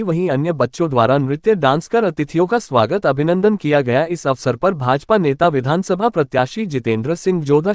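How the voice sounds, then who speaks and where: Dry, close voice-over news reader. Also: male voice, a little high, no echo. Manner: steady read-out report, reels off long lists of names. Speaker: news reporter.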